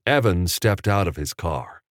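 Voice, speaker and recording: A man narrating an audiobook in a measured, steady storytelling manner on a close studio mic. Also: low voice, dry recording.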